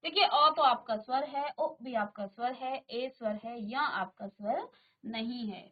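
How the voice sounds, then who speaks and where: A woman's voice: fairly high pitch, measured pace, dull audio. A woman teacher giving a virtual classroom Hindi lesson, patiently repeating questions and speaking to her students directly. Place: studio classroom.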